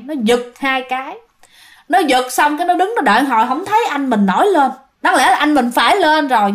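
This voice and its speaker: Female storyteller, casual and chatty, talks straight to listeners. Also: high voice. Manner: chatty, addresses listeners directly, many fillers. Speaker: ghost story narrator.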